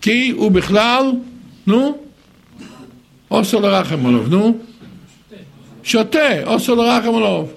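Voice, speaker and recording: An older man giving an animated sermon, acting out other people's words in raised voices. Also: sits high, creaky, long pauses.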